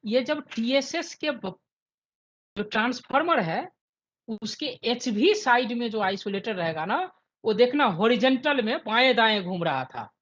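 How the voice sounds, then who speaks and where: A man's voice: very high voice, big pitch swings, a little slow, a bit bright, lo-fi sound. A man in his fifties teaching an online class, who keeps checking with his students and repeating his points.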